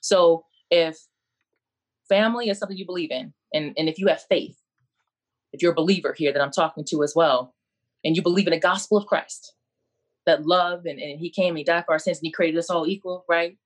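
A woman coach with a lowish voice speaks fairly quickly as a panelist on a video call. Her faith-based speech is impassioned, earnest and preacherly, and she keeps repeating her key phrases.

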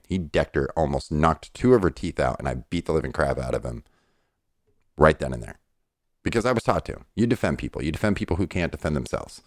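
A middle-aged man with a very low voice, recorded very dry. He debates casually and insistently, blunt in his opinions and free with profanity. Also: no room sound.

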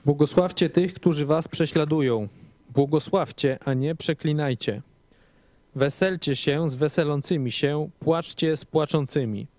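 A man reading Bible passages aloud, measured, phrase by phrase. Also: on the high side, a little mellow, no room sound. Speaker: scripture reader.

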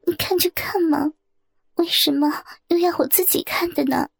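A woman voicing a coy, giggling young woman in a breathy, playful, whining voice. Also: extremely high pitch, steady tone, moderate pace, dry recording. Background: soft guitar music.

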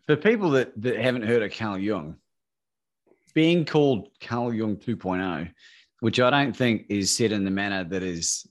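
A man hosting a podcast interview in a friendly, joking way. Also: fairly low pitch. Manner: friendly, joking, laughs easily. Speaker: podcast host. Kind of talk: conversational interview.

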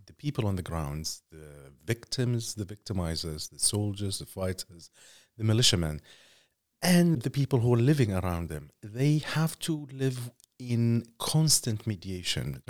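A middle-aged man from Iraq speaks as an interview guest, his voice sitting low. He talks in measured, reflective sentences and works through lists of examples. He sometimes restarts a phrase before finishing it. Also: a little mellow. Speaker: journalist guest.

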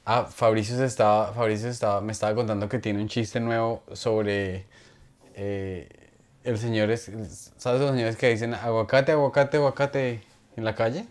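A man's voice: fairly low pitch, little pitch movement, moderate pace. Rambling chatty man. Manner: rambling, self-correcting, chatty. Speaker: podcast co-host. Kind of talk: casual comedy chat. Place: podcast studio.

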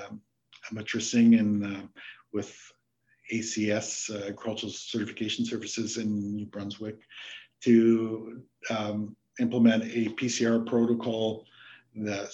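A man from Canada, a researcher guest on a podcast interview, who explains his work in a halting way with many fillers and restarts. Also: lowish voice, a little mellow, muffled recording. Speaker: plant disease researcher, guest.

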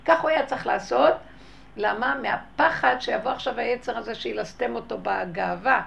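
Gravelly-voiced Israeli woman telling a tale. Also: on the high side, slight background noise. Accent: Israeli Hebrew. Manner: animated storytelling, acts out quoted voices. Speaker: religious teacher.

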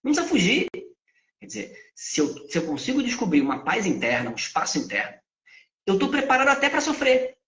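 A man teaching Vedanta ideas, who poses questions to himself and answers them in a lively spoken lesson. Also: high voice, a little fast. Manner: asks and answers his own questions. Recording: echoey, dull lo-fi sound.

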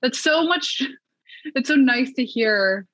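A woman with a fairly high voice chats casually and answers with quick, eager agreement. Her sound is close and dry, with almost no room around it. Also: lively intonation, fairly bright tone, dry recording, poor audio. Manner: enthusiastic, quick agreeing replies. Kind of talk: casual chat.

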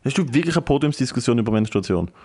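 A young man with a Swiss German accent, co-hosting a podcast in casual, teasing banter, animated and given to exaggeration. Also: mid-range voice, rapid-fire. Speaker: podcast co-host.

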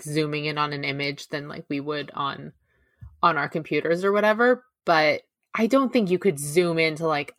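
A woman's voice: low-pitched, fairly bright tone, no echo. A woman rambling through a story in casual chat, incredulous at the absurd parts. The room sounds dry and close.

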